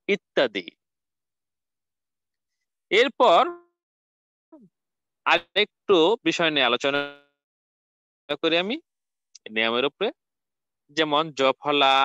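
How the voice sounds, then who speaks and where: A man's voice: on the high side, bright, forceful tone, no room sound. A man teaching a recorded college lecture, spelling out words letter by letter and asking and answering his own questions. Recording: dull lo-fi dry recording.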